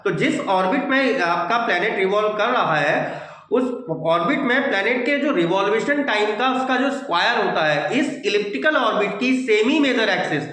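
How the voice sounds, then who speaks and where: A high-pitched man gives a physics lecture, walking students through each step and often checking they follow. He mixes English technical terms into his Hindi. His voice rings in a very echoey room. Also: animated, normal speed, fairly bright tone. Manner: explanatory, repeats phrases, checks understanding. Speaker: physics teacher. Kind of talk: whiteboard lecture.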